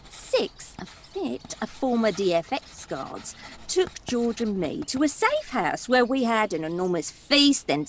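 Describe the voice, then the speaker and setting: A woman's voice: on the high side, a little hiss or hum. A woman playing a theatrical, chatty princess who tells her story dramatically and fondly in a stage comedy. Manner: dramatic, giggly, wistful storyteller. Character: theatrical, chatty princess, fond companion of a dragon.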